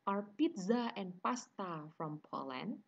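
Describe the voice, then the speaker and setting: A woman teaching English with an Indonesian accent, mixing Indonesian and English in an online class lecture and drilling word pairs slowly. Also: mid-range voice, sing-song, creaky, dull audio.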